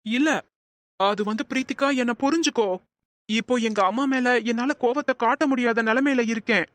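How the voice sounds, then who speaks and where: A woman voicing a remorseful young husband in an animated cartoon, talking in an earnest, pleading way. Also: on the high side, moderate pace, no room sound, close to an everyday voice.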